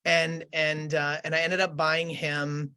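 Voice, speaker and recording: Man, principal, conversational storytelling, earnest, halting, lots of ums, slightly higher voice. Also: level tone, pushed and bright, clean tone. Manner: earnest, halting, with many fillers and restarts. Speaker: school principal and educator.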